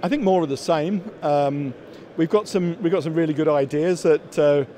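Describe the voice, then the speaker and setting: A man in his fifties, an executive, explains products during an interview in a noisy exhibition hall, speaking into the interviewer's handheld mic. His slightly high voice is mellow and moderately paced, he keeps restarting and repeating words, and there's a little hiss or hum on the recording.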